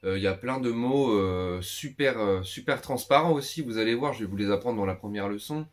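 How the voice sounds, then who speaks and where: A man's voice: fairly low pitch, a little fast. A man in his twenties giving a casual spoken lesson, chatty and full of fillers, talking straight to his viewers. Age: 20s. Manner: chatty, many fillers, addresses viewers directly. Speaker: language teacher.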